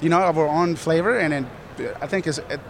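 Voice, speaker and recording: Male guest from Colombia, earnest and rambling, slightly high, light outdoor noise. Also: fairly quick. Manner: earnest, rambling, many "you know"s. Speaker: studio manager, guest. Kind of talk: casual interview answers.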